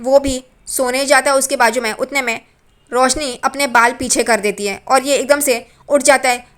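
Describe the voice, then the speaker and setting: A woman's voice: high-pitched, fairly even intonation, moderate pace, fairly bright tone. A woman casually retelling a TV serial episode, with plain, repetitive storytelling. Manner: plain storytelling, repeats phrases like "yahan pe". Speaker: TV serial recap narrator.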